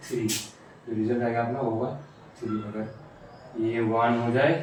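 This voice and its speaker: A programming teacher with a mid-range, darkish voice gives an informal spoken tutorial, explaining step by step, often repeating himself and asking rhetorical questions. The room is very echoey, the mic distant, with faint noise.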